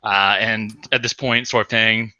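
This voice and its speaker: A man's voice: lowish voice, fairly even intonation, measured pace, sharp tone, no room sound, dull audio. A man co-hosting a casual podcast, explaining video game lore in detail with sarcastic, profane asides. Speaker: podcast co-host. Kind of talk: casual drunk podcast banter.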